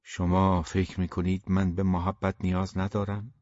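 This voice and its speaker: A man's voice: low-pitched, completely flat delivery, a little mellow, no echo, lightly acted. A man voicing a timid, brooding grown man who speaks in a subdued, hesitant way, in a dull, dry recording.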